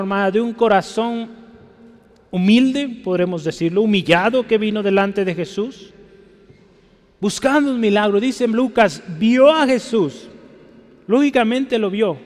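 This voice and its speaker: High-voiced emphatic male preacher. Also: big-room sound. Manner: emphatic, pleading, repeats 'fíjese' and '¿verdad?'. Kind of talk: sermon.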